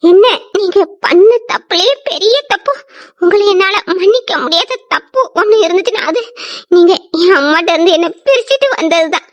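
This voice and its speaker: A woman's voice: very high voice, fairly bright tone. A woman voicing a mistreated, grieving young bride in a cartoon drama, crying and pleading. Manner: tearful and pleading.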